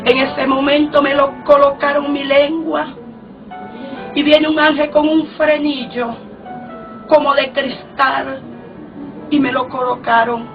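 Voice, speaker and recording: A woman's voice: high-pitched, level tone, takes it slowly, long pauses. A woman preaching an emotional testimony sermon, fervent and at times tearful. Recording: distant muffled recording with background music.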